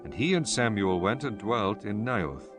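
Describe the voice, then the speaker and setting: Casting: male narrator for dramatized scripture, low voice, solemn storytelling, faint music bed. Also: lively intonation, a little slow.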